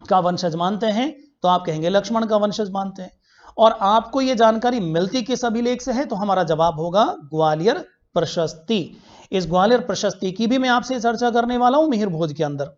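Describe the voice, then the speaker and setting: Male history teacher in an online class, poses questions, answers them himself, drills key facts; dull lo-fi recording. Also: sits high. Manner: repeats key facts for students to remember.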